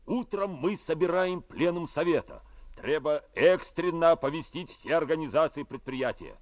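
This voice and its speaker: A male revolutionary committee leader in a radio play, acted by a man. His delivery is very animated and dry in sound. He is hearty, folksy and businesslike. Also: a little high, moderate pace, dry recording, lightly acted. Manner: folksy, comradely. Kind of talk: radio drama acting.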